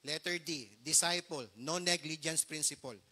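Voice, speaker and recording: A man's voice: on the high side, measured pace, sharp tone. A middle-aged man preaching a storytelling sermon as pastor, earnest and mixing English phrases into his Tagalog.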